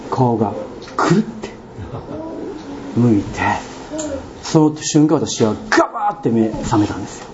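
A man with a Kansai accent preaching a sermon as a pastor, telling a story with animated sound words and questions to the congregation. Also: mid-range voice. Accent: Kansai Japanese. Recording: dull lo-fi recording with faint room noise.

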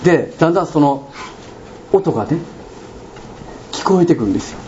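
A man with a Kansai accent preaching a sermon as a pastor, telling a story with animated sound words and questions to the congregation. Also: on the high side, brisk. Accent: Kansai Japanese. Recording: dull lo-fi recording with faint room noise.

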